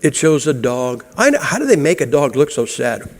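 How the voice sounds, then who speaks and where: A man's voice: fairly high pitch, very animated, moderate pace, background noise. A man preaching a sermon in a church, blunt and emphatic, chuckling through his stories. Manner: humorous, chuckles through anecdotes. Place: church sanctuary. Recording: long hall reverb.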